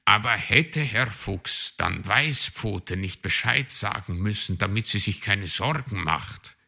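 A man's voice: fairly low pitch, expressive, slow pace, gravelly, sharp tone, heavily acted. A man voicing a doubtful, grumbling male raven in a storybook read-aloud, who caws between words. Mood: skeptical. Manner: skeptical, caws "Kra".

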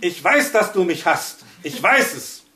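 A man voicing an irritable, nervous middle-aged neighbor who bursts into shouting in a read-aloud story. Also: sits high, very animated, a little slow, reverberant, slight background noise, voice pushed up, full character voice. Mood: shaken. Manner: shouting, agitated, later pleading. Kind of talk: audiobook reading.

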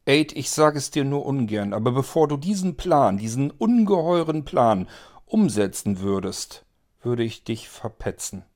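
A man's voice: mid-range voice, very animated, a little slow, a little mellow, pitched above the performer's own voice. A man reading an audiobook, voicing an anxious young man who urgently pleads with his friend.

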